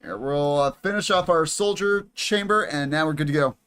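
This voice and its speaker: A young man giving casual, excitable commentary over a strategy game, swearing and chatting with viewers. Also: on the high side, normal speed, clean tone. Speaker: gaming YouTuber.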